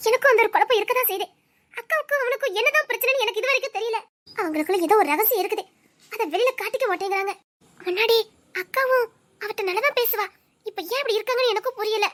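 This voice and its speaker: A frightened young college woman, voiced by a woman, speaking in a very high, quick voice. She sounds torn and anxious throughout. This is emotional audio-drama acting. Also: a bit bright.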